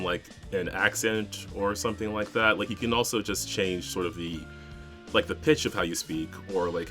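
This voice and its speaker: Here the podcast co-host and game master has a low voice with a bright, forceful tone. His casual talk about running tabletop games rambles along, full of fillers and frequent laughter.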